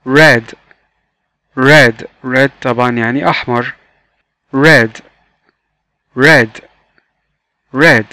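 A man with an Egyptian Arabic accent teaching English to young children, repeating each word slowly three times. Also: mid-range voice, sharp tone, clear, resonant tone, dry recording. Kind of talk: slow classroom lesson.

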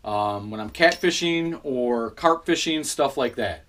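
A man in his thirties talks casually to the camera in a small room at home, picked up by a camera mic a few feet away. His voice sits at an ordinary middle pitch. He walks through his gear in an easygoing way, with plenty of ums and quick self-corrections. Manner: relaxed, many fillers and self-corrections. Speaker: fishing channel host.

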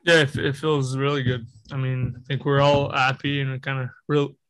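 Seated before a table mic in the press room, a young hockey player fields reporters' questions after a game at a normal pace. His delivery stays flat and steady in pitch, broken up by fillers like "you know" and "I mean," and the recording sounds dry and close.

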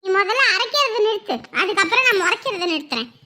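[name], a woman playing a sharp-tongued village girl. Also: extremely high pitch, expressive, quick pace, exaggerated voice. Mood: stern. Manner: scolding, curt. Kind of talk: web drama acting.

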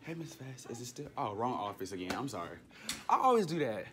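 A man's voice: medium pitch, big pitch swings, fairly quick. A young man, a student in his late teens, vlogging at school with a handheld camera, mumbling and swearing to the viewers. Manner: profane and mumbling to camera, loud and rowdy with friends. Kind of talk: casual vlog. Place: school hallways and rooms, indoors. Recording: noisy school with crowd chatter. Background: students chattering and ambient noise.

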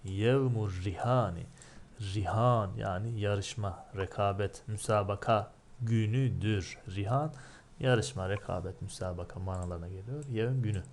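A man's voice: fairly low pitch, unhurried, a little mellow, slight background noise. A man with a Turkish accent teaching a religious text, reading it word by word and translating and explaining each word. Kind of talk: line-by-line translation lesson.

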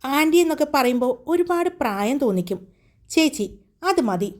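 A woman's voice: high-pitched, big pitch swings, fairly quick. A woman voicing a cheeky, playful young woman who whines and jokes in a storybook tale. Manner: playful, whiny.

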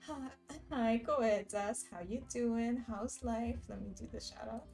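A young woman streamer chatting playfully with her viewers and reading their messages aloud with quick asides. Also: a little high, gravelly, a little mellow, far from the mic. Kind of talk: casual live-stream chat. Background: faint music.

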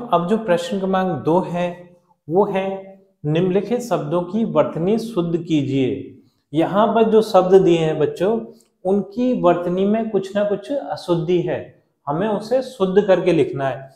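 High-voiced man teaching children. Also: animated, dark tone, roomy sound. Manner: patient, repeats and spells out words slowly. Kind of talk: explaining a school lesson to children.

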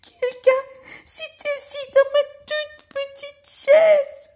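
A woman voicing a tiny, plaintive baby bear in a very high, thin voice, crying out. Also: flat delivery, drawn-out words, darkish tone, soft background music, heavily acted. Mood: squeaky.

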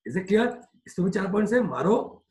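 A man teaching a class in Hindi with plenty of English mixed in, his voice sitting fairly high for a man. He slows down to dictate points word by word and keeps asking whether it is clear. The room around him is echoey. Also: sing-song, a little mellow. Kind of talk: classroom lecture.

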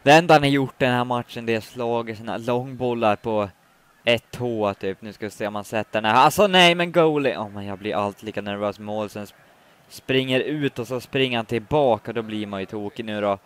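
A man giving live commentary on his own football video game match, muttering complaints and then shouting when a goal goes in. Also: mid-range voice, smooth. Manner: swings from muttering to shouting at goals. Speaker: gaming commentator.

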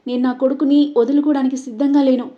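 Panicked crying mom, high and tearful, dull audio, woman voicing her. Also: level tone, fast, dark tone, natural voice. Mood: frantic. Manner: crying, frantic. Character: panicked, weeping middle-aged mother.

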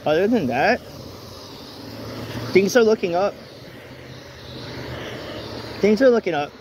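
A man's voice: high voice, expressive, takes it slowly, darkish tone, highs cut off, slight background noise. A young man talking into his phone while walking outdoors on a rainy night, rambling with many restarts and self-corrections. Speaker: vlogger. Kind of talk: casual walk-and-talk vlog. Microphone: phone camera held while walking.

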